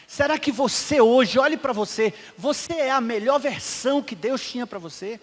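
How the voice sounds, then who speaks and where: A middle-aged man, a pastor preaching a sermon in a church, swinging between loud emphatic calls and hushed asides. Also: extremely high pitch, moderate pace. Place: church hall. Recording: long hall reverb.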